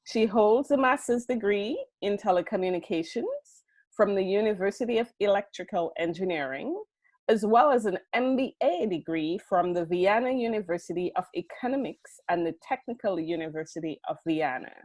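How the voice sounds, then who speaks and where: A woman's voice: mid-range voice, animated, normal speed, darkish tone, dry recording. Upbeat woman hosting a podcast, dry sound. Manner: enthusiastic and upbeat. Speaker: podcast host. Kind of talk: interview hosting with guest introduction.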